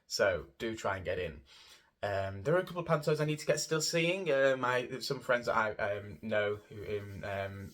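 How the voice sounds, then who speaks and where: Speaking to camera in a casual vlog review of a theatre show, this man has a lowish voice with a fairly bright tone. He gushes and rambles, frequently repeating words to stress a point.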